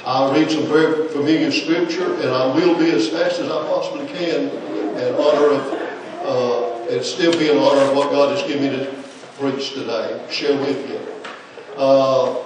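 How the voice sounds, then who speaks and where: A man's voice: medium pitch, steady tone, normal speed, noisy background. A man preaching as a guest, building to emphatic preaching in a church sanctuary. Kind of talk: sermon. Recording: very echoey church from far off.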